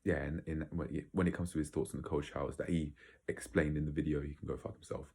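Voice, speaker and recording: A man's voice: a bass voice, flat delivery, fast, vocal fry, dark tone, breathy edge. A man giving a casual, opinionated monologue to viewers, rambling and blunt, with some swearing. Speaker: video creator.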